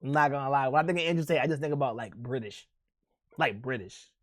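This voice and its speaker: A man streaming and chatting casually with his viewers, speaking in a slangy drawl that often trails off quietly. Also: medium pitch, fast talker. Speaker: streamer reacting to a video. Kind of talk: casual chat.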